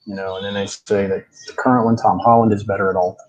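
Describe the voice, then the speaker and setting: A man's voice: lowish voice, level tone, fast, poor audio. A man co-hosting a casual movie review podcast, talking at length and posing questions to the others. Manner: expansive, asks the others questions. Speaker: podcast co-host.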